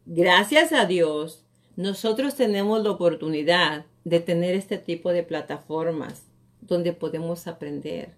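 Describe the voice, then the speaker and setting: Fairly low in pitch and unhurried, a middle-aged woman who hosts a live show and coaches in real estate gives an emphatic motivational talk, regularly repeating her phrases.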